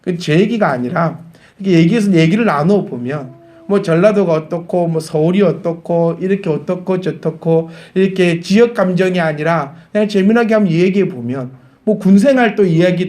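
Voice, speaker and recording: Man preaching, Gyeongsang accent, high voice, lively swinging pitch, emphatic. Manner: animated, rising to emphatic peaks, laughs with the congregation. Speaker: pastor. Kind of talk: sermon. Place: church sanctuary.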